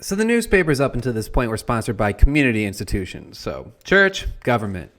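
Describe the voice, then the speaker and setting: A man's voice: medium pitch, big pitch swings, a little fast, fairly bright tone. A man playing a young colonial-era printer who teaches a comedic history lesson with a wry, playful manner. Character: young male founding-father printer as a jokey teacher.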